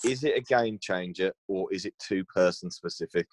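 A man with a fairly low voice chats loosely and jokingly, dropping slang as he goes. The sound is dry and close. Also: normal speed, darkish tone, dry recording. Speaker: podcast co-host. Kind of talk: casual chat.

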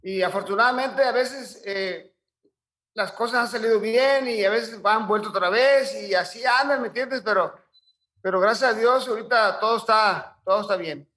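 A middle-aged man with a Mexican accent speaks as an interview guest. His voice sits high and sounds bright and sharp. He talks in coarse slang and stumbles through repeated restarts. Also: normal speed. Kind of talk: casual interview storytelling.

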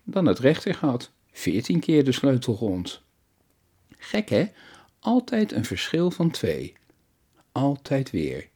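A man voicing a lonely, grieving old widow who speaks gently and reflectively, in an audiobook story. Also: medium pitch, huge pitch swings, takes it slowly, pauses often, husky, pitched above the performer's own voice, exaggerated voice. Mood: wistful.

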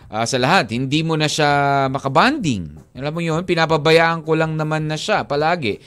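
Filipino male radio DJ, smooth clear voice, slightly high, joking banter. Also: moderate pace, a bit bright. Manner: reads listener texts aloud, joking. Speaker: radio DJ host.

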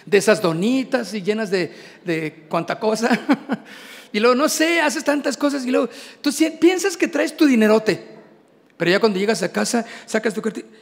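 A middle-aged man, preaching an animated sermon as pastor to his congregation. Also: sits high, moderate pace, creaky. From Mexico. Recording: long hall reverb.

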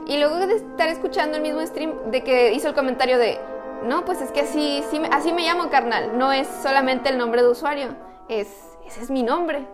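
High-voiced Mexican woman chatting. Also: a little fast, music in the background. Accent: Mexican Spanish. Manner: chatty, slangy storytelling. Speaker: podcast co-host. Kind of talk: casual chat.

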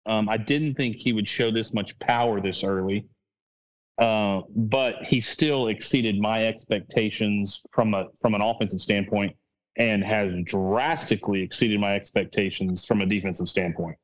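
A man's voice: fairly low pitch, fairly even intonation, normal speed, low-quality recording. A man hosting a casual sports podcast, rambling and restarting his sentences as he thinks aloud. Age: adult with a child. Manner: rambling, full of restarts and self-corrections. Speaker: podcast host.

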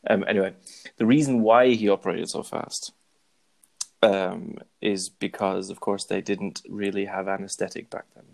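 A man chatting casually as a podcast co-host, hesitant and joking in a dry, deadpan way. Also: low-pitched, moderate pace, gravelly. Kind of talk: casual chat.

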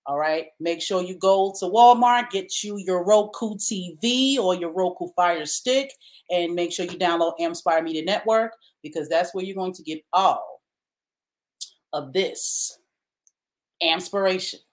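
A woman co-host with a lowish voice closes out a casual podcast. She talks in an upbeat, slangy way and drags out her plugs and contact details. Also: measured pace.

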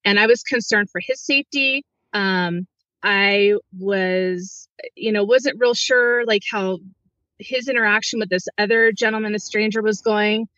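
A woman's voice: medium pitch, fairly even intonation, measured pace, fairly bright tone, no room sound, lo-fi sound. Earnest woman telling a hard story. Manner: earnest, hesitant, many restarts and fillers. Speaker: guest. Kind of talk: personal story in an interview.

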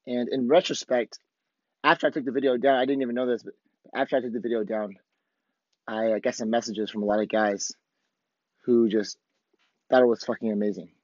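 Hoarse man in a roomy, dull recording. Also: medium pitch, fairly even intonation, fairly quick, pauses often, a little mellow. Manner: candid, rambling, heavy swearing. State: hoarse, voice worn out from overuse. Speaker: podcast host. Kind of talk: casual, profane motivational monologue.

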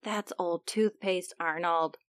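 A woman voicing a bossy germ leader in a children's storybook, scolding and impatient with a slower companion. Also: lowish voice, fairly even intonation, no room sound, studio quality, voice pushed down. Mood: deadpan.

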